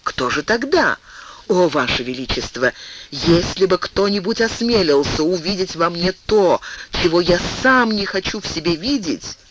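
An impassioned young duke pleads his case, played by a male audiobook reader. The voice rides high and swings widely as he argues. His delivery stays earnest and emotional. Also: animated, moderate pace, noisy background. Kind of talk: audiobook reading.

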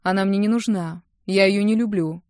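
Curt sulky young guy, voiced by a woman, flat and defiant, close dry read. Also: medium pitch, normal speed, no echo, lightly acted. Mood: sullen. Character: sullen stubborn young man, curt. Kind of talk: audiobook reading.

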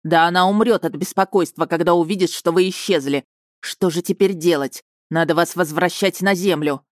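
A woman voicing a gruff, stern middle-aged male space captain in an audiobook. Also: on the low side, no echo, studio quality, close to an everyday voice. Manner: gruff, slow and commanding. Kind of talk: audiobook character reading.

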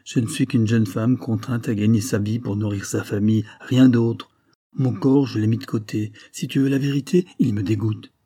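A man reading the lines of a young woman who answers with quiet dignity, in an audiobook. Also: fairly low pitch, fairly even intonation, normal speed, breathy edge. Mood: earnest. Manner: earnest, restrained.

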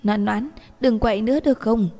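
Woman doing a gentle patient guy, soft and low key, mellow tone, echoey with faint music. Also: a little fast. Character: patient young man, gently coaxing. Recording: reverberant room with faint music.

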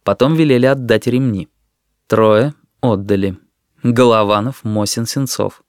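A man's voice: medium pitch, a little slow, no room sound, studio quality, natural voice. A man voicing a young leader who chairs a meeting with restraint. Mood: serious. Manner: restrained, serious.

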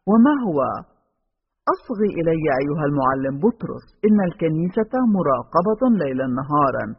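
A man's voice: on the high side, lively intonation, a little fast, breathy edge. A man voicing a cold, calculating middle-aged priest in a novel reading. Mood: scheming. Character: scheming stern middle-aged male priest. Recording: dull home recording with long reverb.

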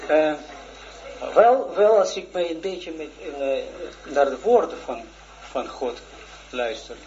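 A man in his forties, a religious teacher, giving a shy, earnest personal testimony in a lesson, halting and full of restarts. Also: fairly high pitch, animated, darkish tone. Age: 40s. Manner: halting, hesitant, with many restarts. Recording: dull lo-fi recording with faint noise.

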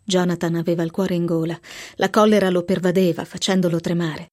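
Woman reader, radio novel narration, animated delivery, studio voice. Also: a little fast. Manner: expressive reading, lifting pitch for quoted speech.

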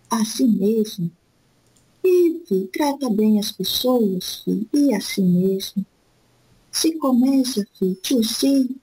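A woman speaking as an elderly spirit guide in a spiritist session, giving gentle fatherly counsel and calling the listener "my son" after nearly every phrase. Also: medium pitch, breathy edge, low-quality recording. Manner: slow, repetitive, soothing advice.

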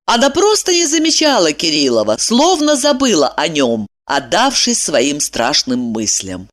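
A woman narrating a novel aloud, reading with lively, strongly varied intonation. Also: lowish voice. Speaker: audiobook narrator.

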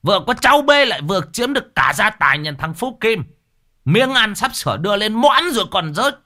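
A man voicing a furious, greedy old village chief who snarls and shouts abuse at his servants. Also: high-pitched, very animated, a little fast, voice pushed up, heavily acted. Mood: raging, abusive. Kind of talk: storytelling voice acting.

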